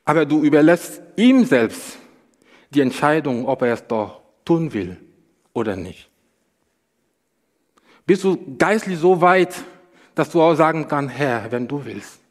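A man preaching a sermon, slow and emphatic, repeating phrases and rising into bursts of emphasis. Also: a little high, animated.

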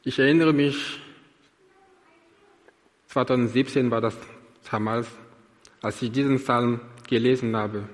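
Man, preacher, sermon, very slow deliberate delivery, emphatic rises and soft drops, long church reverb. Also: medium pitch, fairly even intonation.

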